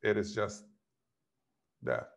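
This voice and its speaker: A man in his fifties, an author on a panel, speaking over a video call from a home office and working through his ideas in long, thoughtful clauses. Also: slow. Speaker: author guest. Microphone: video call, computer mic.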